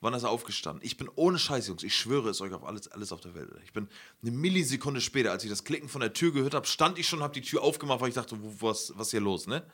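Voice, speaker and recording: A young podcast host tells his friends a story in slangy, casual speech, swearing freely and constantly saying "Alter" and "Digga." His mid-range voice is expressive, fast, a bit bright, and slightly rough.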